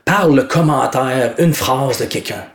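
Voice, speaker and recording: A man's voice: mid-range voice, measured pace. Spontaneous Québécois man in a roomy space. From Quebec. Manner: spontaneous, animated, laughs often, says "là" a lot. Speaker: motivational speaker, guest. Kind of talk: casual interview talk.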